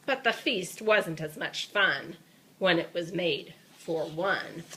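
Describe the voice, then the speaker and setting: Animated, high-voiced woman reading a storybook. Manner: animated, child-directed, dramatic emphasis. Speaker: storybook reader. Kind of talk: expressive children's storybook read-aloud.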